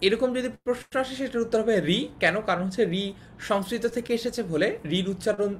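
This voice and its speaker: A woman teaching an online class, explaining patiently, repeating key points and checking that students follow. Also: quick pace. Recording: faint noise and low rumble.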